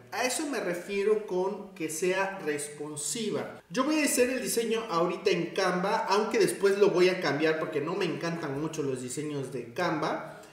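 A man giving a chatty design tutorial, thinking aloud and correcting himself as he works. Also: high-pitched. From Mexico. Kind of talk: screen-recorded tutorial. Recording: very echoey room.

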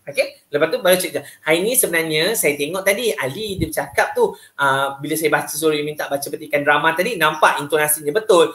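A man with a Malaysian Malay accent gives a casual training talk to teachers. His voice is bright and lively, and he keeps checking in with his listeners. The recording is roomy, with a noticeable echo. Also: on the high side, fast.

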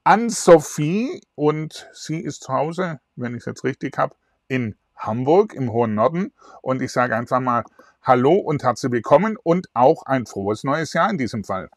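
A middle-aged man hosts an online interview in a chatty, filler-heavy way. His voice sits at a middling pitch and is recorded close and dry on a lapel mic. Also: animated, a little slow, dry recording. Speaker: host. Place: indoors in front of a virtual backdrop.

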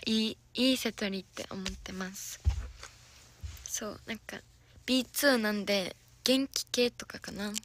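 Casting: young woman, Kansai accent, hoarse today, bright edge, giggly livestream chat. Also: mid-range voice, no echo. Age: young adult. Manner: giggly, chatty, answering viewer comments. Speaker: idol trainee. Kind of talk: casual livestream chat with viewers. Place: soundproof lesson room.

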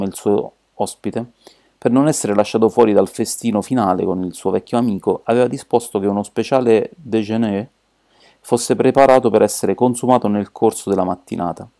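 A man reading a classic detective story aloud as an amateur audiobook narrator, steady and measured. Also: lowish voice, creaky.

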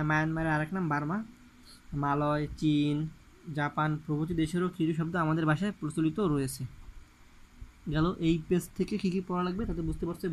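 A Bangladeshi admission coaching teacher with a Bengali accent leads an exam-prep lecture, reading word lists off the page and stressing which items matter. His voice is on the high side, and the low-quality recording has slight background noise.

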